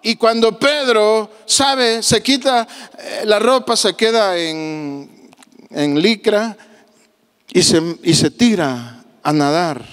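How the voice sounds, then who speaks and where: A male pastor with a Guatemalan accent preaching a sermon emphatically, moving between low, confiding tones and raised exclamations, and acting out the voices of the people he quotes. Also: takes it slowly, fairly bright tone, clean tone, in a large hall. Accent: Guatemalan Spanish. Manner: acts out quoted voices of the people he tells about.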